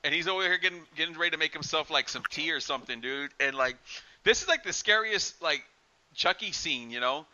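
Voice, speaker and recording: Bright, rambling podcast dude on a dull mic. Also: male voice, fairly high pitch, expressive, fairly quick. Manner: rambling, profane, says dude a lot. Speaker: podcast co-host. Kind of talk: casual podcast chat.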